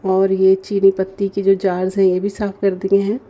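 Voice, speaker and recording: A woman, narrating her daily routine vlog slowly and gently because of a sore throat. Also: mid-range voice, monotone. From Pakistan. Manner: slow, gentle and chatty, with many fillers. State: sore throat, speaking softly. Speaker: vlogger. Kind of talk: casual voice-over narration.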